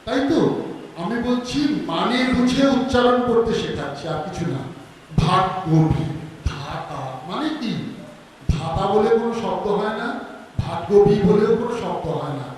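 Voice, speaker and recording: A man with a high voice teaching a group, explaining word by word and singing bits to show pronunciation. He is recorded from far off in a big echoey hall, with faint room noise behind him. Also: animated, normal speed. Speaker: workshop teacher. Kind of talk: teaching talk to students, with sung examples.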